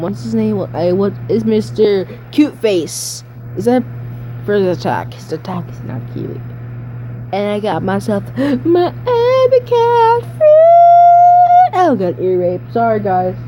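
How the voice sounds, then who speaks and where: A woman giving casual gameplay commentary, excitable and rambling, jumping into high squeals and dropping to mutters. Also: slight background noise, rough recording. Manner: rambling, trails off mid-sentence. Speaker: gaming channel host.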